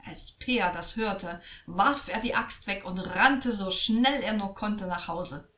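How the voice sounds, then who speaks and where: A woman reading a fairy tale aloud in a slow, expressive storytelling voice. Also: mid-range voice. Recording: echoey room.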